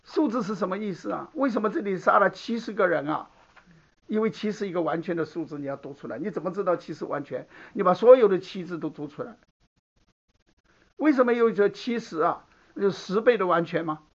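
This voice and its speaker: Speaking a little fast with lively intonation, a high-voiced man teaches a Bible sermon in a conversational way. He often asks the room "好不好" to check on his listeners, captured on a dull lo-fi recording.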